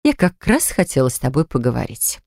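A reader voicing a worried, gentle older wife and mother who speaks cautiously, in an audiobook. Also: medium pitch, huge pitch swings, fairly quick, vocal fry, dry recording, clean studio sound. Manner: cautious, soft-spoken. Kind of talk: audiobook character voice.

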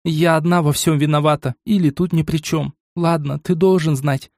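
A man's voice: high voice, steady tone, brisk, a little mellow, no room sound, clean studio sound, voice pushed up, close to an everyday voice. Man voicing a tearful young princess bride. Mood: remorseful. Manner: pleading, emotional. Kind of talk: audiobook character voice.

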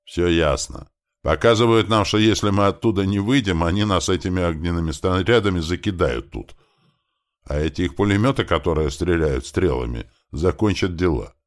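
A man voicing a gruff male squad leader who shouts orders to his crew. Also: low voice, moderate pace, pitched above the performer's own voice, close to an everyday voice. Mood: shouting. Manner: barking commands at full volume.

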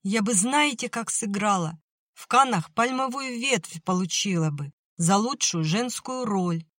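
A woman reading an audiobook, voicing a tearful, defiant young girl who talks in a high, strained voice. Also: expressive, unhurried, a bit bright, dry recording, studio quality. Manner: tearful, pleading, high-strung.

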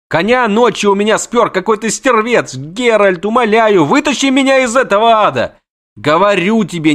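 A man's voice: high-pitched, a bit bright, pitched above the performer's own voice. A man voicing a panicky, talkative young male bard who pleads in breathless exclamations.

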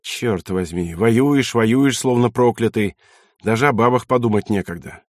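A man's voice: medium pitch, unhurried, darkish tone, no room sound, natural voice. A hard-edged young officer, read by a male audiobook narrator, clipped and commanding with a cynical streak. The voice stays close to the reader's own and sounds dry and near. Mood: grumbling. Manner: curt and commanding, sometimes mocking.

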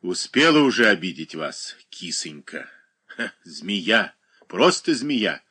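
A man's voice: sits low, big pitch swings, pushed and bright, husky, exaggerated voice. A man playing a gushing, plaintive woman. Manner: cooing pet names, slow and plaintive. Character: gushing, sentimental, self-pitying woman, middle-aged.

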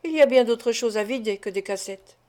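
A woman's voice: fairly high pitch, fairly quick, darkish tone, close to an everyday voice. A woman reading an audiobook, voicing a boastful, greedy young man who talks in a brash, swaggering way.

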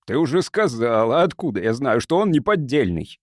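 A man voicing an excitable, grasping museum curator who shouts indignantly in an audiobook. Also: medium pitch, normal speed, no echo, clean studio sound.

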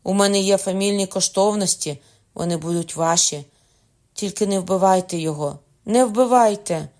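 A woman's voice: low-pitched, a little fast, darkish tone. A woman reading aloud and voicing an old father who begs for his son's life, in a storybook reading. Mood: pleading. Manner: begging, wailing. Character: old father, desperate, pleading for his son.

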